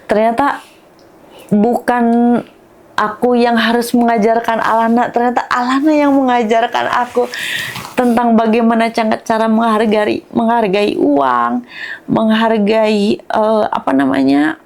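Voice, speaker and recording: A young woman, a guest on a podcast, speaking emotionally and haltingly about her late daughter, often searching for words and close to tears. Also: a little high, little pitch movement, vocal fry. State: tearful. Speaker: podcast guest, bereaved mother. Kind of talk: emotional interview talk.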